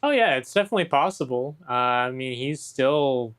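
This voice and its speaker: Relaxed male gaming podcast co-host. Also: mid-range voice, moderate pace. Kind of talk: casual gaming chat.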